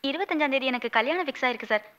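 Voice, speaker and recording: A woman's voice: high voice, lively intonation, racing, a bit bright, muffled recording. An actress playing a bold, outspoken young female employee in a comic film scene. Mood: complaining. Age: young adult. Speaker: office employee.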